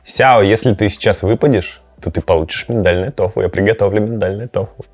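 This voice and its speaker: Soft music plays under this man's low-leaning, brisk voice, which is a little mellow with a breathy edge. He runs a gaming and cooking vlog, talking playfully to camera, reacting to the game and now and then addressing his cat.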